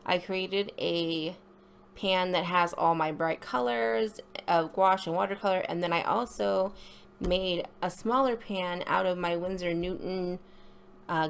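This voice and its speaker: A woman's voice: on the low side, gravelly, a little hiss or hum. A woman with a slight lisp giving a casual, rambling voice-over for an art video, with informal apologetic asides.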